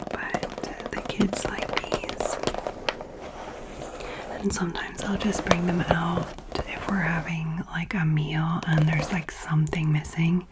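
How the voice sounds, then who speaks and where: A woman whispers softly as an ASMR host, taking her time with every phrase. Her voice is breathy and fairly low, and she rambles along in a gentle, informal way. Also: low-quality recording.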